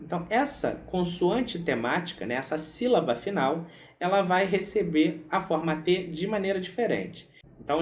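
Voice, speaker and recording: A man teaching a language lesson, drawing out words slowly to model pronunciation and often checking in with a quick tag question. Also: high voice, roomy sound. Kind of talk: explanatory lesson.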